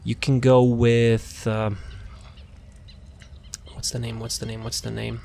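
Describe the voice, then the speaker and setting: With a gravelly, darkish voice of medium pitch, this man speaks slowly and in a monotone. He's walking through a video game build casually and without a script, rambling and repeating himself while hunting for things, as music plays in the background.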